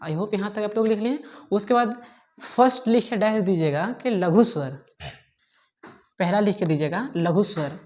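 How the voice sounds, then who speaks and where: Woman dictating a slow grammar lesson. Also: medium pitch, warm tone. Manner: repetitive, dictating slowly, frequent checking fillers. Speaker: teacher.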